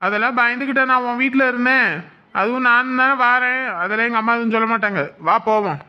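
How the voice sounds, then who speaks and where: A man's voice: extremely high pitch, fairly even intonation, quick pace, clean tone, lo-fi sound. An actor playing an impatient young husband who gives orders to his wife in a home drama. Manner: bossy, impatient. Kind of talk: Tamil web-series acting.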